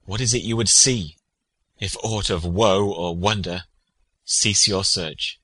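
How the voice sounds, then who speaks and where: An actor playing a loyal, grieving noble friend of a prince in Shakespearean tragedy, with solemn, measured declamation. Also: male voice, deep voice, pushed and bright, husky, no room sound, heavily acted, low-quality recording. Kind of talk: Shakespearean tragedy audio acting.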